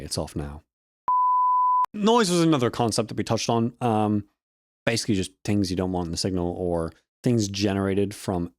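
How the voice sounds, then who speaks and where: A young man talks through audio ideas in a loose, chatty recap, often circling back to correct himself. His voice sits on the low side and comes across dry and close on a compressed studio mic at home. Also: a little mellow, dry recording. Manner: rambling, self-correcting, chatty. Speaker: audio student and vlog host. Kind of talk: casual spoken recap of a lecture. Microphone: close studio microphone with a compressor.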